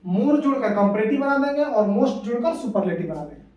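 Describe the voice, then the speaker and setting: A high-pitched man teaches English grammar, repeating each rule and asking questions of his students. His voice is heard from a distance in a strongly echoing room, far from the mic. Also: lively intonation, quick pace, darkish tone, dull audio. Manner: patient, repeats points and asks the class questions. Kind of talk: classroom lesson.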